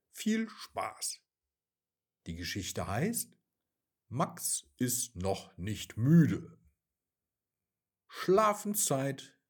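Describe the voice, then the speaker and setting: A man narrating a bedtime story for children in an expressive, gently animated way. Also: fairly low pitch, breathy edge.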